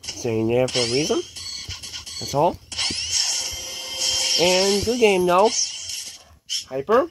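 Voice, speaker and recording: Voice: medium pitch, very animated, takes it slowly, very noisy. A gamer giving casual, rambling gameplay commentary, chatting to themself and to viewers. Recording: loud game music behind the voice. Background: loud game music.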